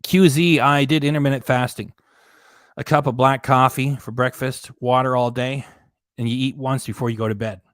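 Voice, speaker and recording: During his live reaction commentary, this man reads chat and rants indignantly, repeating himself while his voice wears out. His medium-pitched voice is fairly even, a bit bright, and moderately paced. The sound is dry and clean from a desk microphone hidden behind a graphic.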